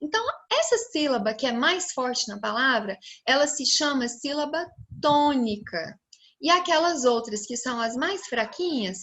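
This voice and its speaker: A woman teacher with a Brazilian Portuguese accent records a video lesson for young children. Her voice sits a little high, and she speaks slowly and clearly, drawing out each syllable as she sounds words out. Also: fairly bright tone, a little hiss or hum.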